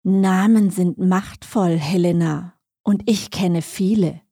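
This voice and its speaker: A woman voicing an ancient, sinister male stranger in an audio story, speaking slowly and with mockery. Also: on the low side, fairly even intonation, warm tone, husky, no room sound, clean studio sound, heavily acted. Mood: slow menace. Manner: slow, mocking, drawn-out words.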